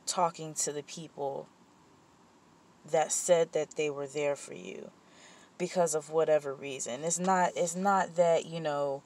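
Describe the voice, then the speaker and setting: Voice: mid-range voice, a little mellow. A vlogger talking candidly in a personal vent session, rambling with fillers and restarts, and turning blunt and profane when heated. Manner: candid and rambling, with frequent fillers and self-corrections.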